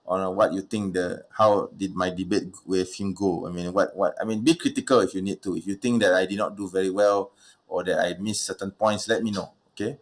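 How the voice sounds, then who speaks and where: A man with a fairly low voice hosts a casual livestream question session. He talks at length, stopping and restarting his sentences with many fillers. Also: fairly even intonation, a little fast. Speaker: livestream host.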